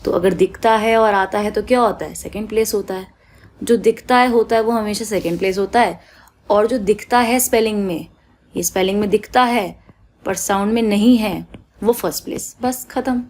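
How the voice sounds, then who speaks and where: A woman's voice: medium pitch, moderate pace, darkish tone. A woman teaching shorthand on a shared screen, patient, repeating each rule and drawing out vowel sounds in her examples. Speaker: stenography teacher.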